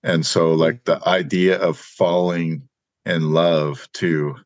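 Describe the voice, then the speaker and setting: A man's voice: sits low, flat delivery, no room sound, lo-fi sound. A man hosting a podcast in casual chat, easygoing and joking. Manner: easygoing, joking, quick to laugh.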